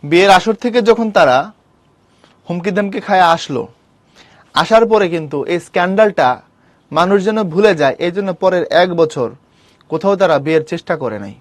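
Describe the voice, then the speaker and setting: A male teacher explains a literature text in a lively way, teasing and scolding his students directly. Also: sits high, a little fast, pauses often, dry recording. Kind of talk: online class lecture on a literature text.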